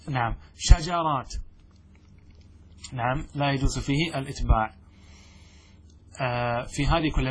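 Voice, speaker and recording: A man teaching Arabic grammar in a classroom lecture, asking his students questions and answering them himself, repeating example words slowly. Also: on the high side, fairly bright tone, breathy edge.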